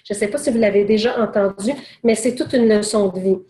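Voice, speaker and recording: A woman's voice: mid-range voice, fairly even intonation, a little fast, mellow, echoey room. A woman giving a sales training seminar in a conversational way, with many restarts and fillers.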